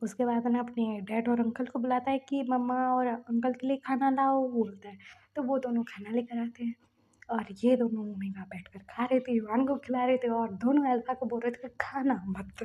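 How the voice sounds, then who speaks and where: A woman casually retelling a fan fiction story, chatty, jumping into the characters' lines with quick excited bursts and often dropping into a whisper. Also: a little high, highs cut off. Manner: often drops to a whisper mid-narration.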